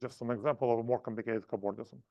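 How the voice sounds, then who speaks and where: Man, math seminar lecture, halting and self-correcting, dry muffled sound. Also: medium pitch, steady tone, creaky, dry recording.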